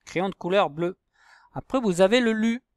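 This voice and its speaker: In a clean studio recording with no echo, a primary school teacher with a high-pitched voice speaks at a moderate pace. He is teaching young pupils a recorded handwriting and reading lesson, patiently spelling out letters and syllables.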